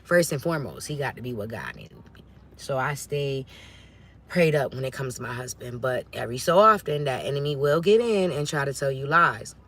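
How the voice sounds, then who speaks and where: A woman, hosting a casual livestream from home, talking straight to her viewers in a lively, preachy way. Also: rumbling low, fairly quick. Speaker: channel host on a livestream.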